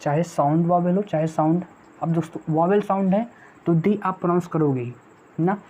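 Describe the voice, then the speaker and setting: The recording, dull and lo-fi with a faint hiss, features a woman leading an online English exam-prep lesson at a normal speed. Her fairly low voice is mellow, and she tends to repeat herself, call her viewers friends, and ask questions she answers herself.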